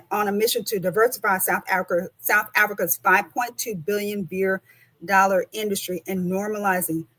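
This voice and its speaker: A woman hosting a casual livestream interview, chatting with lots of restarts and quick laughs, heard over a video call. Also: medium pitch, fairly bright tone, rough recording. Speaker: host.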